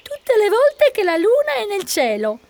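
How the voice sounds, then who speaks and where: A woman voicing an old, plaintive female cat in a storybook reading, with a very high, thin voice. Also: wildly swooping pitch, measured pace, a little mellow, no room sound, full character voice.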